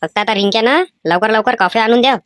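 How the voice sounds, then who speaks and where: A woman's voice: a little high, fast, no room sound, close to an everyday voice. A woman voicing a cheeky schoolboy trying to cheat on an exam, pleading and whining in a Vidarbha Marathi accent. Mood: mischievous. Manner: whiny, pleading, mischievous. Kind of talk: animated cartoon voice acting.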